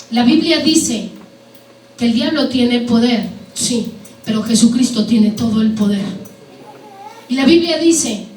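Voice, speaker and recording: A woman's voice: fairly high pitch, darkish tone. Woman, preacher, sermon, asks the congregation questions, echoey church hall, heard from a distance. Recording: echoey hall, mic at a distance, faint background noise.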